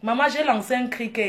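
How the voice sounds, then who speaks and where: Woman vlogger, higher-pitched voice, lively laughing storyteller with excited outbursts. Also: noisy background. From Africa. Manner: animated, laughing, bursts into excited exclamations. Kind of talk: casual vlog storytelling.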